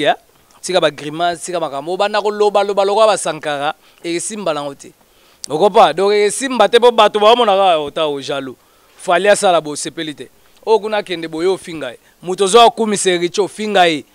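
High-voiced animated man. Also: fairly quick, clear, resonant tone, no echo. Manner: animated, mixes Lingala and French. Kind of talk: animated casual chat.

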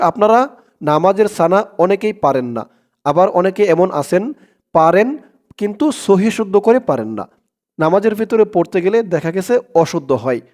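A man's voice: high-pitched, a little mellow. A man teaching prayer recitation, spelling it out syllable by syllable and drawing out the Arabic words. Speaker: Quran teacher.

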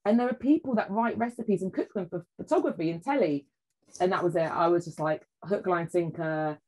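A woman, a food writer chatting as a podcast guest and telling lively stories with many "like" and "you know" asides. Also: on the low side, brisk, poor audio. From England. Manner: animated storyteller, acts out quoted voices, frequent "like" and "you know". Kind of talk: casual chat.

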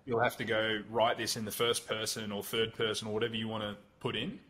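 A man's voice: on the low side, little pitch movement, fast, pushed and bright, a little hiss or hum. A man who calls himself blunt, a guest on a podcast, chatting casually about marketing and acting out sample prompts in a conversational way. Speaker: guest, Google Ads consultant.

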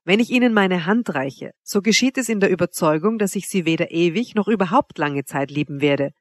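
A woman's voice: lowish voice, expressive, brisk. A woman reading an audiobook, voicing a haughty young noblewoman who teases her suitor with cool mockery. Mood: cold. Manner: teasing, coolly mocking. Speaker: princess Wanda.

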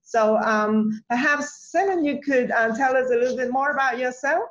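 A woman hosts an online workshop over a video call from an indoor office, giving a bilingual introduction. Her voice sits high and moves at a normal speed, and she comes across as friendly yet hesitant, with many fillers and easy laughter. The sound is lo-fi.

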